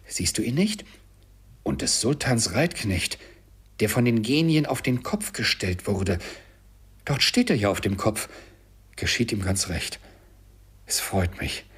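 Scrooge, a gruff old miser, voiced by a man. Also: lowish voice, a little slow, full character voice. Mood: delighted. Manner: swings between excited cries and hushed sorrow. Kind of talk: audiobook character voicing.

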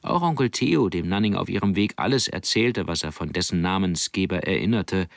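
A man calmly reading an audiobook as narrator. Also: sits low, a little fast, creaky, dry recording.

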